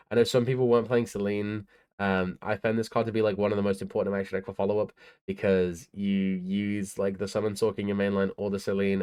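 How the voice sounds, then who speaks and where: Man, young adult, tired, laid-back rambling delivery, fairly low pitch, smooth resonant tone. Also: darkish tone. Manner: laid-back, rambling, frequent ums and uhs. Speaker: card game player presenting his tournament deck. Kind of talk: casual deck profile talk.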